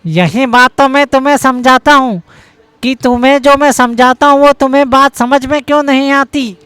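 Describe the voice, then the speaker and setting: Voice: high-pitched, normal speed, a bit bright, clear, resonant tone, no echo. A blustering, hot-headed cartoon husband. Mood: raging. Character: hot-tempered young husband. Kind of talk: cartoon voice acting.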